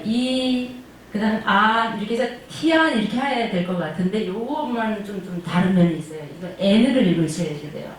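A woman's voice: fairly high pitch, darkish tone, recorded from a distance. Woman teaching Chinese in an echoey room. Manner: demonstrates tones and sounds aloud, sometimes singing them; asks the class questions she then answers. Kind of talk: online pronunciation lesson. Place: classroom of a senior welfare center. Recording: very echoey room, voice from afar, faint noise.

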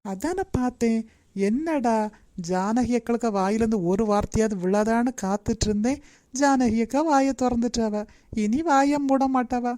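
A woman voicing a teasing, sharp-tongued female relative in a cartoon. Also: fairly high pitch, normal speed, lightly acted. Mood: sarcastic. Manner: sarcastic and teasing. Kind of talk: cartoon voice acting.

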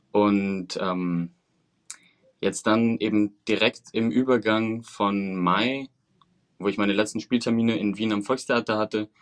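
Appearing as an actor guest over a video call, a man in his twenties who comes from Venezuela and grew up in Germany answers questions thoughtfully and articulately, with hesitant fillers. His voice is on the low side.

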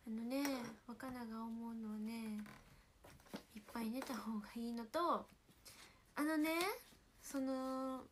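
Teenage woman, Kansai accent, higher voice, hushed casual livestream chat through a sore throat, on a phone mic with faint noise. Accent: Kansai Japanese. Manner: soft-spoken, often drops to a whisper. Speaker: idol livestream host.

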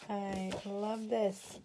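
A woman's voice: medium pitch, mellow, slight background noise. A woman showing off her craft supply haul in a casual video, gushing over each item and saying she is tired. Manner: gushing, breathless exclamations. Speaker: craft vlogger.

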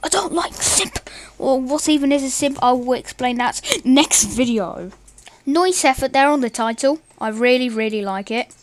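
A young woman giggling and rambling excitably through a casual meme reaction commentary. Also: sits high, moderate pace. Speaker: meme reaction video host.

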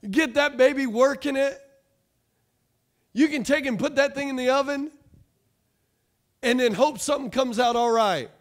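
A man, preaching a lively call-and-response sermon from a church stage. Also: very high voice, moderate pace, pauses often. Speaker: pastor. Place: church stage, large room.

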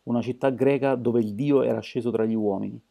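Male narrator for an amateur audiobook, measured reading, dark gravelly tone. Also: medium pitch, fairly even intonation.

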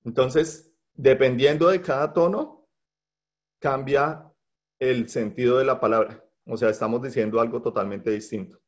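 Over a video call, a man teaches a language workshop as an online lecture. He is patient but a little slow, speaking at a middle pitch with many hesitations, fillers and restarts. His computer mic gives dull, lo-fi call audio.

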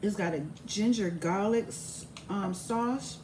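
A woman hosting an eating show, talking while chewing and calling her viewers y'all in a slow, savoring way. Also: medium pitch, warm tone, a little hiss or hum. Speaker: mukbang host. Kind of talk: casual eating-show chat.

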